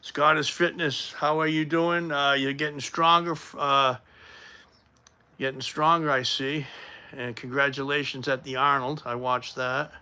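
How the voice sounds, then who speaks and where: A man's voice: medium pitch, flat delivery, a little slow, bright, forceful tone, smooth. A man, rambling casually to viewers on a live stream from his home workout space. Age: 50s. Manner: rambling, chatty, greets viewers by name. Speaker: livestream host. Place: home gym.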